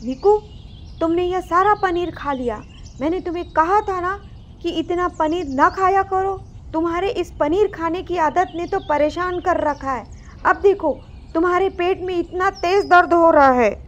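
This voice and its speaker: A woman's voice: high-pitched, expressive, normal speed, slight background noise. A woman voicing a fussing mother rat in a storybook cartoon, talking in a fretful, scolding way. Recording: slightly muffled recording.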